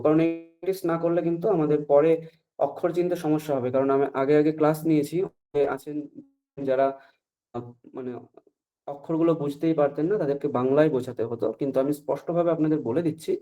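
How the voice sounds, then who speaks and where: A male teacher leads an online lesson over a video call, walking through each point patiently and stopping to check that his students understand. His voice sits a little high and has a mellow, relaxed tone. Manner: patient, explains step by step, checks often for understanding. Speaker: Sanskrit teacher. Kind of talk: online class lecture.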